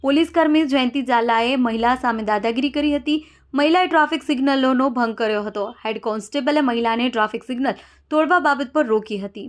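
Woman reporter, high voice, fast clipped news read.

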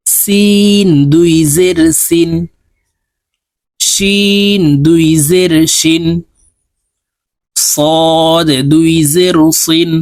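A man teaching Quran letter pronunciation, reciting each sound slowly and evenly for students to repeat. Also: on the high side, no echo. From Bangladesh. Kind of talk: slow recitation drill lesson.

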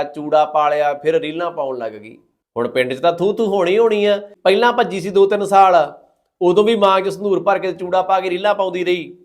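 Scornful high-voiced storyteller man. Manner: moralizing, scornful, quotes others in their voices. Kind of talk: dramatic storytelling.

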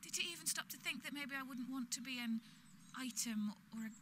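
A woman's voice: sits high, fairly quick, background noise, close to an everyday voice. A woman playing an exasperated, defiant stalking victim in a drama, blunt and dismissive. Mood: scornful, dismissive. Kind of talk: dramatic dialogue acting.

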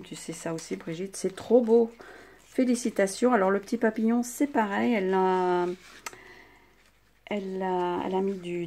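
A woman's voice: mid-range voice, gravelly, warm tone. An older woman hosting a craft channel, chatting and gushing over gifts at home, recorded on a phone. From France. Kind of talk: casual unboxing chat.

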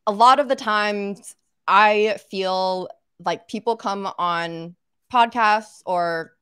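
A woman in her thirties from Arkansas, United States, appears as a guest on a video-call interview, chatting casually from a room at home over a webcam and saying "like" and "you know" a lot. Her mid-range voice is slow, pushed and bright, with a clean tone and a dry, clean studio sound. She's described as a podcast host and guest.

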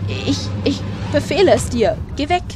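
Frantic schoolboy who has lost his mind, read by a woman, shouting, high voice, game music behind. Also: big pitch swings, normal speed.

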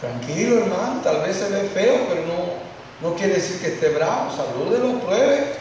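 A man, a pastor preaching a sermon, lively and talking straight to his listeners. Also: high voice, normal speed, slight background noise. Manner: lively, acts out congregants, addresses listeners directly. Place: church hall. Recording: echoey church hall from far off.

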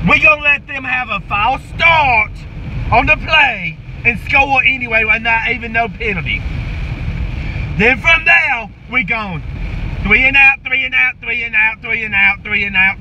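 A man's voice: extremely high pitch, pushed and bright, heavily acted. A man with an American accent playing a folksy, commanding football coach giving a repetitive halftime pep speech in a comic parody. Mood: urgent, insistent. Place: inside a moving car. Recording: muffled phone recording with car road noise.

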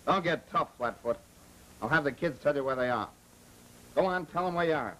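An actor playing a tough, menacing American gangster in a 1930s film, with snappy, slangy delivery. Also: male voice, a little high, brisk, a bit bright, lightly acted. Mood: defiant. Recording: noisy 1930s film soundtrack.

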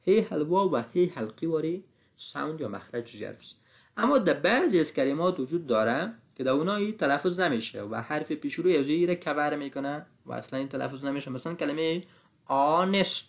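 Man drilling English letter sounds. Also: fairly high pitch. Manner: drills each sound slowly with repetitions. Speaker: English teacher. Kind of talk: phonics lesson.

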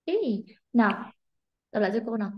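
A woman's voice: fairly high pitch, sing-song, normal speed, muffled recording. A Vietnamese woman, an English teacher, drilling a student's pronunciation with strict, corrective remarks in a one-on-one lesson. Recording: echoey room.

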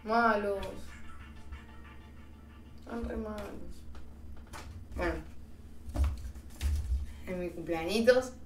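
A woman's voice: mid-range voice, drawn-out words, pauses often. A woman with an Argentine accent telling stories to her stream chat in a slangy, chatty way, laughing at herself. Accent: Argentine Spanish. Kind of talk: casual storytelling to stream chat. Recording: roomy, distant mic, faint music.

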